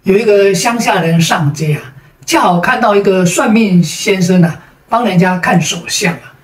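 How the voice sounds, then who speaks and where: Female joke teller with a Taiwanese Mandarin accent, mid-pitched, lively storytelling with drawn-out particles, echoey room. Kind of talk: storytelling of jokes. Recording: roomy sound from a distant mic.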